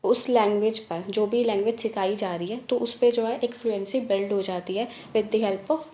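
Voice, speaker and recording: A woman teaching a lesson, explaining each point step by step and reading English headings slowly and deliberately. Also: medium pitch. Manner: steady step-by-step explaining with many fillers. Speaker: teacher-training tutor.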